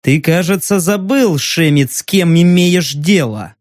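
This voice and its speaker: A man voicing a smug, menacing former dockworker in an audiobook, taunting slowly and slyly. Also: a little high, darkish tone, no room sound, clean studio sound, close to an everyday voice. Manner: slow, taunting and sly. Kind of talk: audiobook narration.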